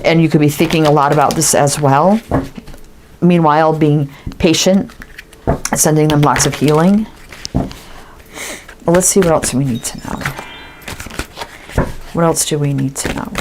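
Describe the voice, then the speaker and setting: A woman's voice: low voice, steady tone, unhurried, pauses often, noisy background. A woman giving a casual tarot reading, musing aloud and tagging her thoughts with "right?". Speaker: tarot reader.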